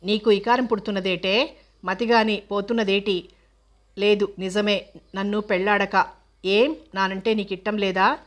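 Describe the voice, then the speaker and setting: Gruff young village guy, blunt and protective, flat tone, woman reading him in a storybook. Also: mid-range voice, measured pace, long pauses, close to an everyday voice. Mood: scolding. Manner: rural village dialect speech, gruff.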